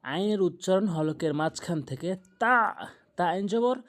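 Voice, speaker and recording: A man teaching Quran recitation with tajweed, explaining pronunciation plainly and then reciting verses slowly with long drawn-out vowels. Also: high-pitched, mellow. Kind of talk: tajweed lesson, spelling and reciting.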